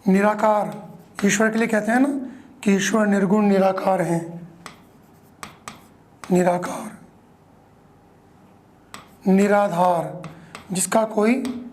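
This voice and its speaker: A male teacher giving a grammar lesson, explaining slowly and repeating each word, often checking in with the class. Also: high-pitched, a little mellow.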